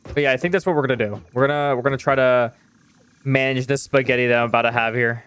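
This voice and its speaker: Chatting with viewers while he streams a game, a young man rambles loosely, full of fillers and casual swearing. His medium-pitched voice is quick, fairly bright, clear and resonant, with fairly even intonation. There is no room sound.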